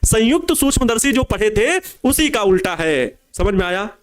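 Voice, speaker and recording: Young guy teaching physics, kinda high voice, says each line twice slow so kids can copy it down. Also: very animated. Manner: repeats key phrases slowly for dictation, coaxing students; casual asides calling students babua and babu. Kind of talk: board exam crash course lecture.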